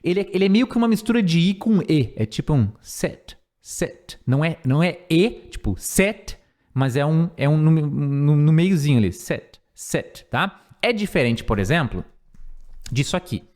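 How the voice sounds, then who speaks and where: A man teaches English phrases in a screen-recorded voice-over, with a somewhat high voice that rises and falls a lot. He is patient and repeats each word, slowing right down whenever he gives an example. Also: lively intonation, a little mellow. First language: Portuguese. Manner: patient, repeats and spells out words, slows for examples. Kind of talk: language lesson explaining phrases.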